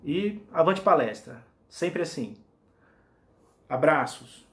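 A man's voice: fairly high pitch, expressive, slow pace, fairly bright tone. A man in his forties, a football fan vlogger from Brazil, chatting to camera in a small room, enthusiastic and rambling with many restarts. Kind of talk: casual fan commentary to camera.

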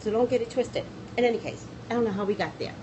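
Filmed at arm's length on a phone camera in a small indoor room with a plain wall, a middle-aged woman runs a psychic livestream, her casual chat rambling, trailing off and starting again. She talks fast in a mellow, highish voice; the recording is muffled with slight background noise.

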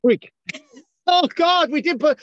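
Speaking very slowly at an extremely high pitch, a man hosts a relaxed discussion over video call. English is his native tongue, and he rambles with many restarts and fillers, often tacking on "right?". No room sound is audible, and the call quality is dull and lo-fi.

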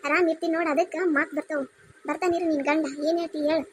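A woman's voice: very high voice, steady tone, rapid-fire, a little hiss or hum. Woman doing bossy North Karnataka mother-in-law. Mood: angry. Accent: North Karnataka Kannada. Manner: scolding, commanding.

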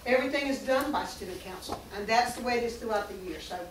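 At a school board meeting, a middle-aged board member presenting awards reads names and thanks students in a quick, higher-pitched voice. A camera far away in a large room captures the remarks with echo and noise.

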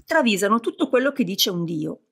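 A woman reading the lines of a quarrelsome male sage deity in an audiobook, complaining, with a husky, gravelly voice. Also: mid-range voice, very animated, a little fast, a bit bright, heavily acted. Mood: peevish.

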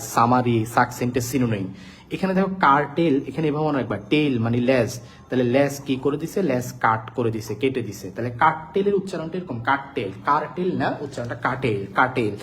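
A man of mid-range pitch teaches vocabulary in a live online class, repeating each word and its meaning again and again. He keeps turning to his students with check questions. A faint hiss of noise sits under the recording. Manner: repetitive drilling of words and meanings; addresses students directly, asking check questions.

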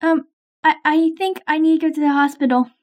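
A young woman with a very high-pitched voice plays out an improvised game story. Her lines are simple and a little hesitant. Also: fairly even intonation, fairly quick. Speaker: gaming video co-host, playing story characters. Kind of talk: improvised story role-play while gaming.

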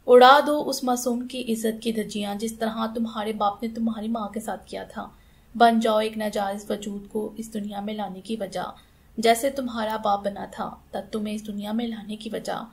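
A woman's voice: on the high side, gravelly. A woman reading as a furious, scolding aunt. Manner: harsh, scolding, commanding. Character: stern furious middle-aged aunt.

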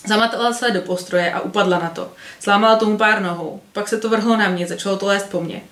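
A woman's voice: mid-range voice, steady tone, fairly bright tone, natural voice. Brief: woman reading as a shaken wounded carter, tense, roomy sound. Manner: tense, recounting an attack. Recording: roomy echo.

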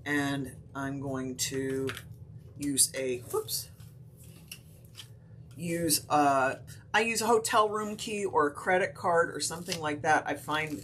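A woman teaching a craft technique on a live stream, explaining each step in a relaxed, chatty way with lots of fillers and short hiccups. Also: low-pitched, slow, slight background noise. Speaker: craft instructor.

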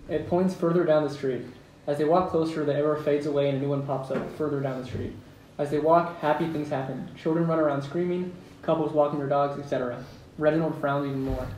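A man with a darkish, somewhat high voice reads stage directions as the narrator at a script table read. The room is echoey, the mic distant, and there's background noise.

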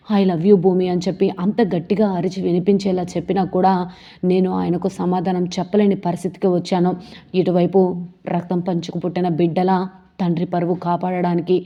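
A woman retelling a TV serial episode, reading every character's lines in her own steady voice. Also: lowish voice, dull audio. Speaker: serial recap narrator.

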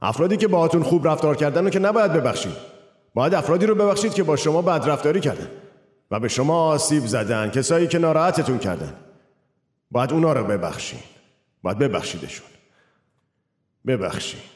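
A man's voice: a little high, sing-song, pauses often. A man voicing a preacher, delivering a sermon in an earnest, conversational way and asking the audience questions. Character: earnest middle-aged male preacher. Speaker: pastor. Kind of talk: dubbed sermon. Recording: echoey hall with faint music.

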